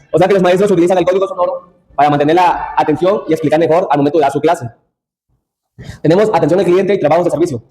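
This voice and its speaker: A man's voice: fairly high pitch, mellow, low-quality recording. A young man giving a class presentation, reading from his slides with restarts and asides. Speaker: student presenter.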